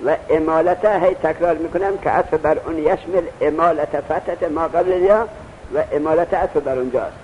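A man's voice: a little high, a little mellow, lo-fi sound, slight background noise. Man teaching, answering his own questions. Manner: asks questions and answers them himself; repeats points over and over. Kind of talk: classroom lecture.

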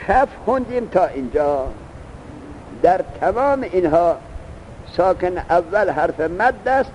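Guy teaching a grammar class, high mellow voice, walks through it step by step and quizzes the students, faint engine rumble behind. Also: low-quality recording. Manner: explains step by step, asking students questions. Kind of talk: seminary grammar lesson.

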